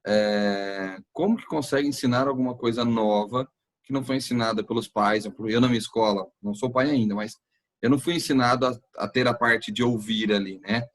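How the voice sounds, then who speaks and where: A man hosts a relaxed interview at an ordinary mid pitch. He asks long, meandering questions and restarts his sentences as he thinks them through. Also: fairly quick. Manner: hesitant, restarts, thinks aloud with "acho que". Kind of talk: conversational interview.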